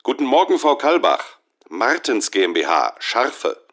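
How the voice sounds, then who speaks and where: Actor as lively, formal man leaving voicemail. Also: mid-range voice, measured pace. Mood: courteous. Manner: formal, precise. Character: courteous office man leaving a business message. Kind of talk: scripted answering machine message for a German listening exercise.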